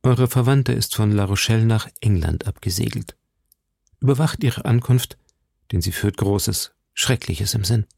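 A man reading as a soft-spoken refined musketeer. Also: medium pitch, animated, vocal fry, breathy edge, dry recording, clean studio sound, exaggerated voice. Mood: measured. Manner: soft, measured.

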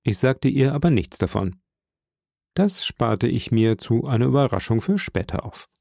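A man narrating a first-person literary story in a measured, expressive way. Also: mid-range voice, vocal fry, no echo, studio quality. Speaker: audiobook narrator.

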